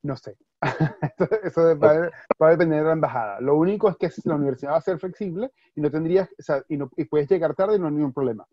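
A man with a Venezuelan accent answers webinar questions in a quick, reassuring stream, dropping in English words. His voice sits a little high and comes through a dry, slightly muffled video-call line. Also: no echo. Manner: reassuring, mixes in English words, restarts often. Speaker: university advisor.

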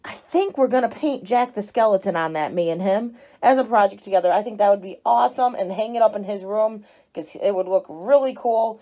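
Her dark-toned, medium-pitched voice runs a little fast as this thirty-something dumpster diving vlogger narrates casually and upbeat to viewers. She films on a handheld phone outside at store dumpsters and at home, and the audio is poor.

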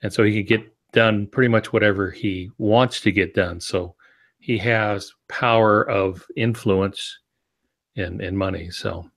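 Wearing an earbud headset on a video call from his home office, this sixty-something novelist and podcast co-host teaches writing informally with a dry sense of humor. He speaks unhurriedly in a steady, lowish voice that is creaky yet fairly bright.

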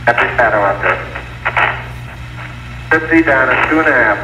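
A man giving clipped, steady descent callouts over a crackly space radio transmission with beeps. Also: mid-range voice, normal speed. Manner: clipped, steady, matter-of-fact numbers. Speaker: astronaut calling out descent. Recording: distant echoey archival radio with faint noise.

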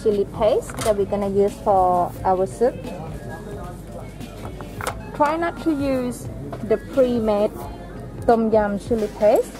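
A woman from Thailand giving practical cooking tips in plain, simple English with background music playing. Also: medium pitch. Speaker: co-host, cook. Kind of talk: casual cooking vlog.

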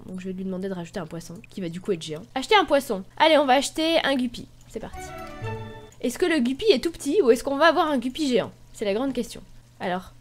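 Chatty young woman explaining game tricks. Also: fairly high pitch. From Brittany, France. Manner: chatty and explanatory, spells out codes letter by letter. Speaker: gaming YouTuber. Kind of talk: screen-recorded game tutorial.

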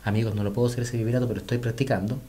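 A man's voice: mid-range voice, flat delivery, rapid-fire, dark tone. A male vocal coach explaining singing technique, speaking to viewers as friends and breaking into short sung demonstrations.

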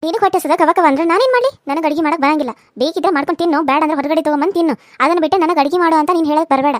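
A woman voicing a stubborn young village bride in a cartoon serial, answering back with sharp retorts in a North Karnataka Kannada accent. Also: high voice, racing, dry recording, studio quality, natural voice. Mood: defiant. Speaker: voice actor.

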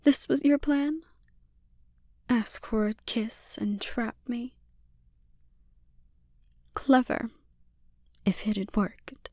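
Slow, whispery Scarlet Witch, acted by a woman. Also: on the high side, darkish tone, no echo. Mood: threatening, mocking. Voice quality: breathy, often whispering. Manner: slow, deliberate, condescending. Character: dominant, menacing witch, coldly seductive and condescending. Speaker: ASMR roleplay voice actor. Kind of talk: ASMR dramatic roleplay, half-whispered.

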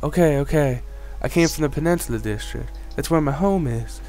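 A man's voice: on the high side, fairly quick, warm tone, soft background music, voice pushed up, natural voice. A man voicing a frightened, pleading townswoman in a video game with a put-on Southern belle accent, melodramatic in manner. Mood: distressed. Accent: put-on American Southern.

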